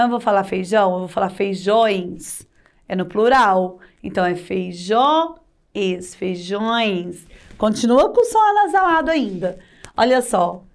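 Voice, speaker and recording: A woman teacher with a Brazilian Portuguese accent, giving a children's video lesson with a sing-song reading of example sentences and slow, drawn-out pronunciation of words. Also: on the high side.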